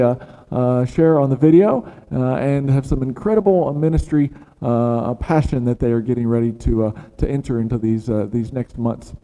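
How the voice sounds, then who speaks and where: A man's voice: a little high, mellow. A man introducing a ministry video to a congregation, hesitant with many "uh" fillers. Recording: long hall reverb.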